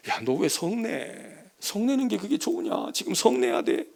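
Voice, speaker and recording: A preacher voicing a gently coaxing fatherly God. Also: high-pitched, big pitch swings, gravelly, full character voice. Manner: soft, slow coaxing.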